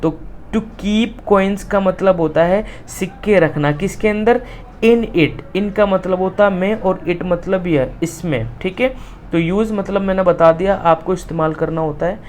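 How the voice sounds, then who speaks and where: Teacher doing a reading lesson, reads english bits super slow, keeps saying theek hai, faint hum behind. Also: medium pitch, a little mellow. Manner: reads English slowly word by word, then explains with frequent "ठीक है".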